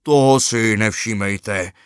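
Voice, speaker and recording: A kindly plush teddy bear from a storybook, put on by a man reading aloud, talking slowly and warmly to the children. The voice sits a bit lower than the narration and is recorded dry and close. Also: smooth, no echo, natural voice. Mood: gentle. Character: friendly plush teddy bear, gentle and helpful.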